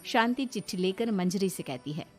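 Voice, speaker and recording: A woman tells a family cartoon story in a steady, expressive storybook voice. Her pitch sits in the middle, and faint music plays beneath her narration. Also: moderate pace.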